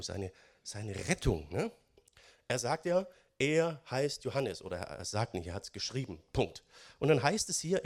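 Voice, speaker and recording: German man preaching conversationally. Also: mid-range voice. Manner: conversational, keeps adding "ne?" tags; shifts from loud emphasis to quiet musing. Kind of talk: sermon.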